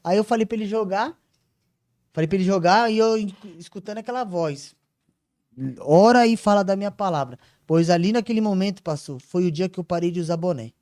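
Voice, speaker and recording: A man co-hosting a church talk show, telling a personal story with lively acted-out voices. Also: high voice, quick pace, dry recording, clean studio sound. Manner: animated storytelling, acts out voices. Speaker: co-host. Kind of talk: casual testimony chat.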